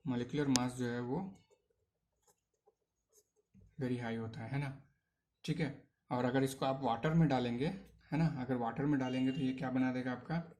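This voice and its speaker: A man teaching a chemistry lesson in Hindi, mixing in English terms. He keeps asking the class questions, answers them himself, and fills pauses with hesitations. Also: mid-range voice, fairly even intonation, dark tone, a little hiss or hum. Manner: asks questions then answers them, frequent "है ना" tags; hesitant fillers. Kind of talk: online chemistry lecture.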